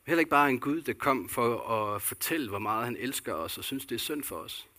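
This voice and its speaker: A man's voice: mid-range voice, animated, sharp tone. A man delivering a sermon as a pastor, earnest and repetitive, posing questions to the congregation.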